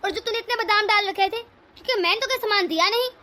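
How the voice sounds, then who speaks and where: A stingy, domineering old mother-in-law rules the house in this cartoon story, voiced by a woman. Her voice sits very high and sounds bright and piercing. She scolds, commands, and sulks theatrically. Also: quick pace. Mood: scolding. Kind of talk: cartoon voice acting.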